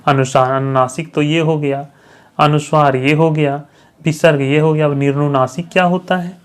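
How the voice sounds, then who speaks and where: Male grammar tutor, somewhat higher-pitched, quizzing his viewers and checking in with them often. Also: fairly even intonation, normal speed, a little hiss or hum. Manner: repeats questions to the viewers and answers them himself; checks understanding with frequent "thik hai". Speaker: teacher. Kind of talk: grammar lesson for exam candidates.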